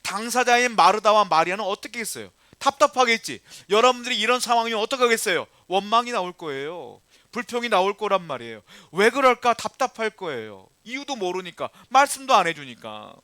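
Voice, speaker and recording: Male pastor, sermon delivery; bright, forceful tone; rhetorical questions, dynamic swings between soft and loud. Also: high-pitched, big pitch swings, brisk, few pauses, dry recording.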